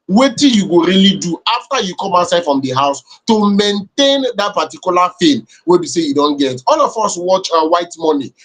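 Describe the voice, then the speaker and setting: A man with a Nigerian accent co-hosting an entertainment talk show, giving conversational commentary that switches between English and Nigerian Pidgin. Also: sits high.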